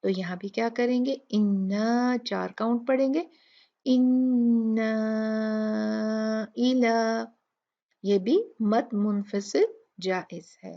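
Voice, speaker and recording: A woman teaching a Quran recitation lesson. She explains each letter methodically and models slow recitation. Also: medium pitch. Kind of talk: tajweed tutorial. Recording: dull lo-fi recording.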